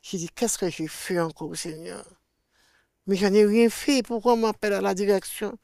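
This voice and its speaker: An older woman with a Martinican French accent tells a personal faith testimony as an interview guest. She acts out the dialogue she quotes and swings between loud and hushed. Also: mid-range voice, fairly even intonation, moderate pace, vocal fry, no room sound, clean studio sound.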